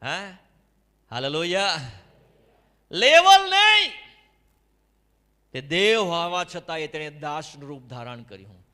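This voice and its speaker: A man's voice: fairly high pitch, normal speed, pushed and bright. A middle-aged male pastor preaching an impassioned sermon and calling on the congregation to answer him. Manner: impassioned preaching with call-and-response. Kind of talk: fiery sermon. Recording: echoey hall reverb.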